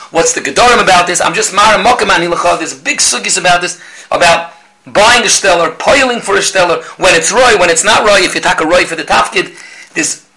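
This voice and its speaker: Fast, high-pitched man teaching, very bright voice. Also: rough recording. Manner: animated, asks and answers rhetorical questions. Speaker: Talmud teacher. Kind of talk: Talmud lecture, explaining step by step.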